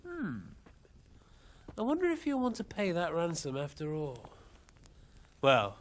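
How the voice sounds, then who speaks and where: Voicing a smug, cruel warlord in a video game cutscene, an actor taunts his captive with deliberate, theatrical mock politeness. His voice sits a bit high and swings wildly in pitch.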